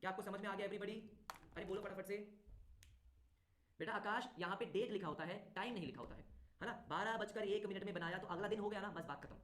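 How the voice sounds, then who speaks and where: Brisk, urging male tutor, roomy sound. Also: high voice, fairly bright tone, slight background noise. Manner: brisk, urging students to answer quickly, repeats phrases. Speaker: commerce exam tutor. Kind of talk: online class lecture. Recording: roomy echo.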